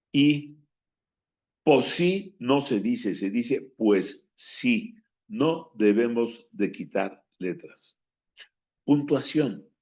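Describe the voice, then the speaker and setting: A man from Mexico teaches breathing and diction in an unhurried, measured way. He stresses key words and acts out lines to show phrasing. The sound is muffled and lo-fi. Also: mid-range voice, warm tone. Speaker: speaking coach. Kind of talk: instructional talk on voice and diction. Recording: dull lo-fi recording.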